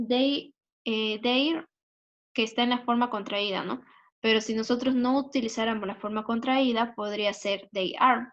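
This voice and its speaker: A woman's voice: a little high, a bit bright. A woman with a Peruvian Spanish accent, explaining English grammar patiently over slides, with many fillers and tag questions. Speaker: English teacher. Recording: dull lo-fi recording.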